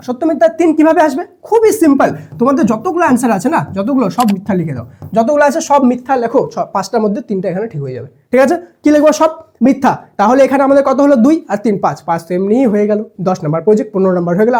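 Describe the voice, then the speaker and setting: A young man teaching students quick exam tricks as a math tutor. He keeps checking in with "okay?" and answers questions he voices for the students himself. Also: very high-pitched, expressive, darkish tone. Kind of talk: fast exam-tips lesson to students.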